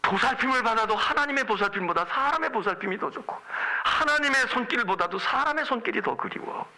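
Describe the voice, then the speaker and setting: A middle-aged male pastor preaches in a loose, conversational way and slips into the voices of the people in his story. His tone is high and very bright, with a gravelly rasp. His pitch leaps up and down as he talks. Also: expressive, fairly quick, poor audio. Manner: colloquial storytelling, acting out quoted voices with wide swings. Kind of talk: sermon.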